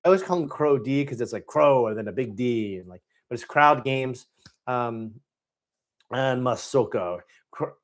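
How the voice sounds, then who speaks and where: A man hosting a live-stream Q&A in casual chat, enthusiastic and rambling, often correcting himself mid-sentence. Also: mid-range voice. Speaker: host.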